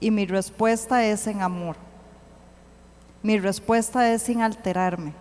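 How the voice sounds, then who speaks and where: A woman giving an earnest church teaching, slowing to read scripture aloud. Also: medium pitch, fairly even intonation, a little mellow. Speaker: church speaker. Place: church hall. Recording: long hall reverb.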